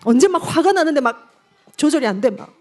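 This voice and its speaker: Woman, evangelist, seminar lecture, high-pitched, swooping lively intonation, talks straight to the audience. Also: brisk. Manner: animated, addresses the audience directly, acts out quotes.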